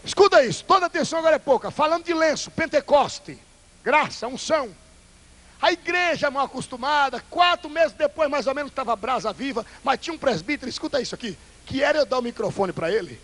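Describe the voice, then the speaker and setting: High, lively preacher man. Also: fast, poor audio. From Brazil. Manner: fiery, theatrical, swings between loud and hushed. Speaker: pastor. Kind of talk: Pentecostal sermon with storytelling.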